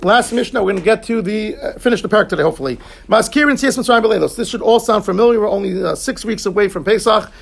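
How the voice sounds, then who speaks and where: A man leads a Talmud class, glossing each term in English and turning to his students between points. His voice sits high and has a gravelly, husky edge. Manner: explains terms in English, quick asides to students. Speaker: rabbi teaching Talmud class.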